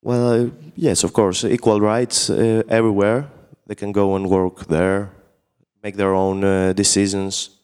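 A man with a very low, smooth, resonant voice. He answers in short, plain statements. The room gives his voice a long reverberant tail. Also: little pitch movement, measured pace, darkish tone. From Greece. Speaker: podcast guest. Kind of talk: casual discussion answers.

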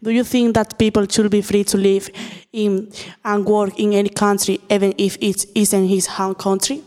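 A woman hosts, putting short, direct questions to her guests in a mid-pitched voice. The recording has a long reverberant ring. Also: level tone, normal speed, darkish tone. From Spain. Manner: brief, question-led. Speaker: podcast host, interviewer. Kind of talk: reading interview questions. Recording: reverberant room.

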